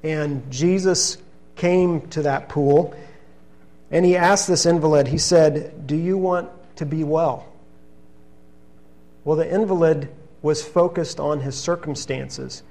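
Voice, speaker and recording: A man preaching a sermon, reading scripture passages in an earnest, steady teaching manner. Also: fairly high pitch, takes it slowly.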